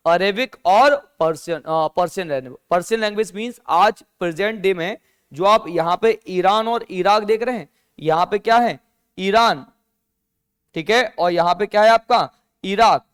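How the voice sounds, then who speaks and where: High-voiced man teaching a class. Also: clean tone. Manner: asks the class questions and answers them himself; mixes English words into Hindi. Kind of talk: classroom lecture.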